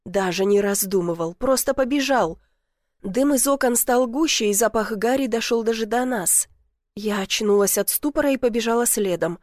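A woman narrating a first-person audiobook in an emotional, expressive way. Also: on the high side, normal speed, no echo, studio quality.

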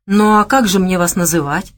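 A woman's voice: normal speed, lightly acted. A woman voicing a chatty, curious young woman vendor, raising her voice and speaking with animation. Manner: animated, teasing, raised pitch.

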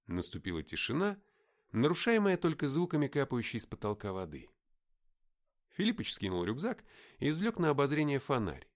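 A man reading a first-person audiobook in a lively, expressive way. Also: mid-range voice, fairly quick. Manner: lively, expressive reading with loud acted dialogue. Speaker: audiobook narrator.

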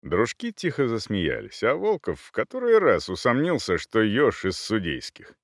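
Low-voiced animated male audiobook narrator. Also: normal speed, dry recording, studio quality. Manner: animated, voices each character.

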